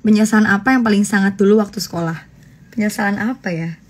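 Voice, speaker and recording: A woman's voice: mid-range voice, quick pace. A young woman in her twenties chatting casually on a phone livestream, answering follower questions with jokes and bursts of laughter. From Indonesia.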